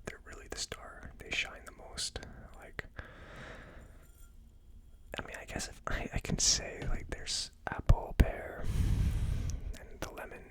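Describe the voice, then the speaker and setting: In hushed ASMR whispers, this host of a whiskey tasting channel offers an unhurried, reflective tasting review.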